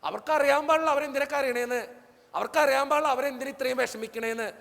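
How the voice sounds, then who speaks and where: A priest gives a lively, joking talk to young people, slipping into the voices of the people in his stories. His voice sits very high for a man and has a gravelly edge. It rings with a long reverb, as if across a big hall. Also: fairly quick. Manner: animated storytelling, acting out the people he quotes.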